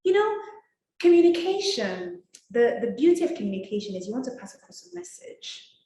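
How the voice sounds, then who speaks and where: Emphatic etiquette coach woman, lively pitch. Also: fairly quick, dull audio. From Nigeria. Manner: emphatic, direct, scolding and lively. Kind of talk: motivational masterclass talk. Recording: roomy echo.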